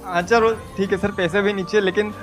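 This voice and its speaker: A man's voice: high voice, fairly even intonation, a little fast, over loud music, over a noisy crowd. A man in his twenties telling his own story to a speaker. He hesitates and falls into fillers and restarts. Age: 20s. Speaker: audience member asking for advice. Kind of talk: hesitant personal account.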